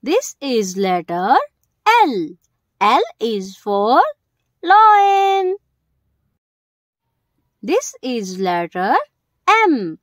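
A woman hosting a children's alphabet video narrates a lesson for young children in short, simple phrases, stressing the key words. Her fairly high voice is very animated in pitch, and she speaks very slowly with frequent pauses. The recording sounds dry and close.

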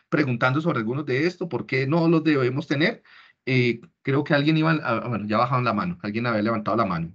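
A man's voice: medium pitch, a bit bright. A man giving an online parenting workshop in a conversational way, often checking in with the audience. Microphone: video call. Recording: dull lo-fi call audio.

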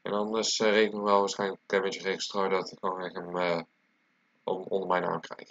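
A man's voice: low voice, little pitch movement, a little fast, fairly bright tone, dry recording. A man with a congested, stuffy-nosed voice, casually presenting a screencast tutorial as he types. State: congested with a cold, stuffy nose. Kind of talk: casual screencast tutorial, talking while typing. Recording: dull lo-fi mic, clear background noise. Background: keyboard typing and clicking.

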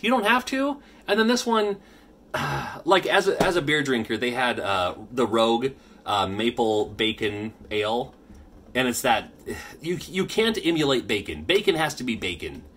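Bright-voiced chatty dad vlogger. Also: male voice, medium pitch, sing-song, moderate pace. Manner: chatty, rambling, self-correcting. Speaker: YouTube host. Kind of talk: casual unboxing vlog. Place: home room with his kids.

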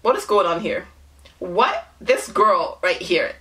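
Laughing frequently, this YouTube reactor spills giggly, exclamatory remarks about a music video from a small indoor bedroom. She's a woman in her twenties with a slight Nigerian accent and a lowish, slightly bright voice that is very animated at a slow pace.

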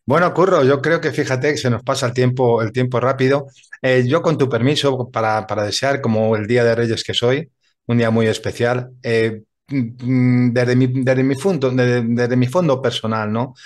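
A man hosting a radio interview, talking in an earnest, halting way with repeated words. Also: mid-range voice, steady tone. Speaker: radio host. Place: radio studio.

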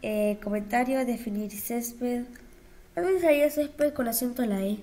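A woman's voice: on the high side, moderate pace, dark tone. A young woman, chatting casually as she talks herself through editing block textures, with flustered exclamations. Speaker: YouTuber.

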